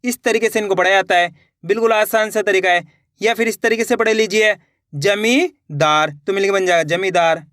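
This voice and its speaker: A man teaching Hindi reading, sounding out each word slowly syllable by syllable, then repeating the whole word, patient and encouraging toward viewers. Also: sits high, fairly even intonation, a bit bright, dry recording, clean studio sound. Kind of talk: online reading lesson.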